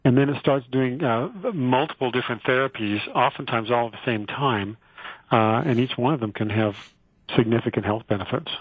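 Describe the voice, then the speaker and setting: A man, a physician guest on a radio show, explaining a treatment in a relaxed way with many fillers and restarts. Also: medium pitch, moderate pace, slightly rough, no room sound. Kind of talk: casual explanatory interview. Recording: tinny phone line.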